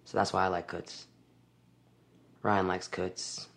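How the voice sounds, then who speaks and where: A man's voice: deep voice, level tone, slow, vocal fry, a bit bright. A man in his twenties, a camp song leader, talking thoughtfully in a casual interview. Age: 20s. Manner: thoughtful, talks in restarts.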